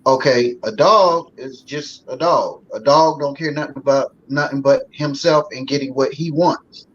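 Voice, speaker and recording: A man's voice: mid-range voice, unhurried, a bit bright, breathy edge. A man in his forties, a guest on a talk show, talking in a loose, folksy way with lots of fillers. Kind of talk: casual talk show conversation. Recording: slightly dull sound with faint noise.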